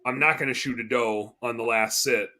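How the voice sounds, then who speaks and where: Male podcast co-host, bright and forceful, animated storyteller who explains for the audience. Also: medium pitch, moderate pace. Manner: animated, explains for listeners, bursts of loud mimicry. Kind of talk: casual chat, storytelling.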